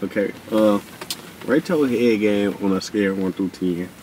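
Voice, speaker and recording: A man with a fairly low voice leads a casual truth-or-dare game with friends, asking laid-back, slangy questions. The room around him has a steady background noise. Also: normal speed, distant mic. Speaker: host asking dares.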